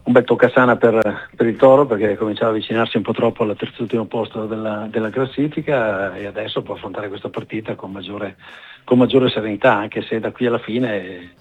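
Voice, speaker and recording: A man heard as a radio show caller over a tinny phone line. His voice sits low, and he speaks in a measured, halting way with many pauses. He comments on football as an experienced coach. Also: steady tone, breathy edge. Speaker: football coach calling in as a guest.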